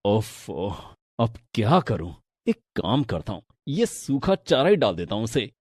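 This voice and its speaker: A man's voice: on the low side, big pitch swings, measured pace, a little mellow. A man voicing a lazy, careless young son who drinks, in a cartoon, with a drawling, irritable delivery. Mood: fed up. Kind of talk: cartoon voice acting.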